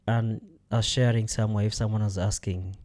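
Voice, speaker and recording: A male podcast host chats casually, with frequent pauses and fillers. His voice sits low and sounds warm and relaxed. He laughs easily as he talks. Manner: hesitant, many fillers, laughs often. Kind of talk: casual conversation.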